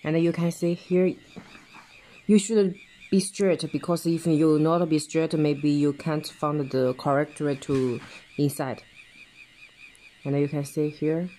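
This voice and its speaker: A man giving a hands-on tutorial, explaining each step in halting, simple phrasing as he demonstrates a device. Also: fairly high pitch, little pitch movement, mellow, slight background noise. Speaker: product demonstrator.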